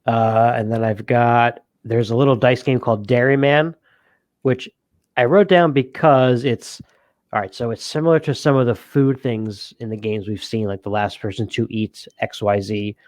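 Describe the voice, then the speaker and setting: A man's voice: medium pitch, steady tone, normal speed, darkish tone, dry recording. A man chatting loosely on a board game podcast, piling up fillers and laughing as he talks. His voice sits in the middle range and sounds dry and close, with no room around it. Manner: rambling, laughs often, many fillers. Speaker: podcast co-host. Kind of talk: casual chat.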